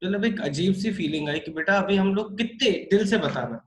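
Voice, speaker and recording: A man teaching math in a live class, talking with animated energy and coaxing his students along. His voice sits a little high for a man. He jokes, scolds lightly and keeps pushing the students forward. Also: brisk. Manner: animated, coaxing students, calls them kids. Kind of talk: live online class lecture.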